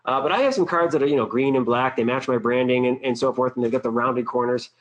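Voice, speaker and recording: A man's voice: mid-range voice, fast talker, poor audio. Chatty man running a sales webinar. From Boston, USA. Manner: casual and chatty, often checks in with "right?". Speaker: webinar presenter. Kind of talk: conversational sales training webinar.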